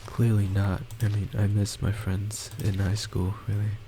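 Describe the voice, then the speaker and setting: A young adult college student delivers a rambling personal monologue in a quiet, low, soft voice, slow and nearly monotone. He's hesitant and halting, circling back with restarts and fillers in nearly every sentence. His desktop microphone has boosted gain, picking up a clear hiss and keyboard typing.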